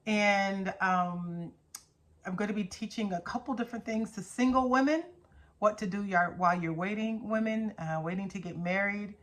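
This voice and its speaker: A middle-aged woman who hosts a faith teaching channel talks casually to camera, earnest and emphatic, leaning toward preaching with rhetorical questions and repetition. Her voice is medium-pitched and a bit bright, at a moderate pace.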